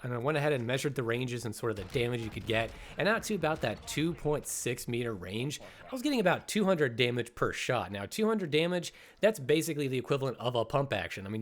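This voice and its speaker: A young man with a stuffy, congested voice talks through his game footage in a relaxed, chatty way. He sounds enthusiastic and amused as he gives his commentary. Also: medium pitch. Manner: enthusiastic, chatty, laughs at how fun the weapon is. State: congested after illness. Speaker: gaming video host.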